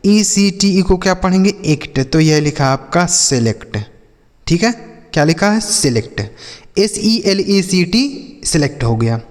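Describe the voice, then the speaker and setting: A man's voice: sits high, expressive, measured pace. A man teaching English reading. He spells words out letter by letter, asks what they say and repeats the answer. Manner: calls viewers children and brother. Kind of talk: spoken English reading lesson. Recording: long hall reverb.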